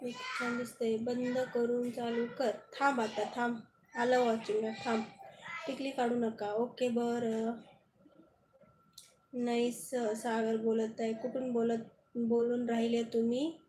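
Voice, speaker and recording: A woman's voice: on the high side, flat delivery, takes it slowly, noisy background. A woman from southern Maharashtra, chatting casually on a phone live stream and answering viewers one by one with frequent laughs. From Kolhapur, Maharashtra.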